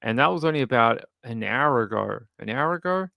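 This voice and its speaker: Australian man, casual livestream commentary, mid-pitched, some vocal fry, sarcastic, skeptical, dry close sound. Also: expressive, a little fast, pushed and bright, dry recording. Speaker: livestream host of a true crime channel. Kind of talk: casual news commentary, reading and answering live chat.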